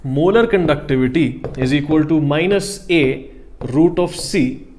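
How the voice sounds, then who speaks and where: A man with a North Indian accent teaches a live online class. His voice sits a little higher than average. He explains in steps, repeats his key phrases, and drops in short Hindi tags to check that students follow. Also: measured pace, darkish tone, slight background noise.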